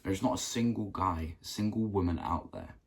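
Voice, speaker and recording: Young guy vlogging self-improvement stuff, deep voice, kinda husky, keeps clearing his throat. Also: big pitch swings, moderate pace. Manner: earnest, repeats himself for emphasis. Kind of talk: motivational talk to camera.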